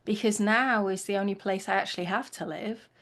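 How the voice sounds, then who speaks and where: A woman speaks thoughtfully as a podcast guest, working through ideas with gentle rhetorical questions. She laughs easily between points, and her voice sits at a middle pitch. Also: fairly even intonation, a little fast. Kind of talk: reflective interview talk.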